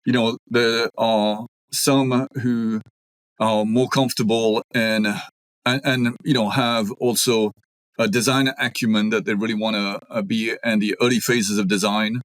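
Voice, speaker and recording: Appearing as a guest in a conversational interview, a middle-aged Belgian architect, a native French speaker, thinks aloud with frequent ums and false starts. He has a lowish voice with a level tone and an unhurried pace. There's no echo on the recording.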